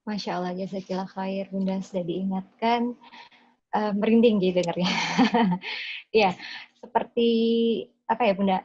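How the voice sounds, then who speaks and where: A woman's voice: medium pitch, steady tone, measured pace, pauses often, darkish tone, highs cut off, a little hiss or hum. A woman moderating a talk, responding to the speaker in an affirming way.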